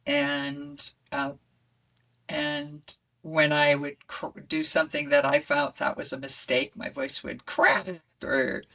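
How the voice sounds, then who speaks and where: A woman voice coach speaking as a guest in an interview, talking reflectively and expressively, swooping high when she acts out voices. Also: slow pace, gravelly, pushed and bright, distant mic.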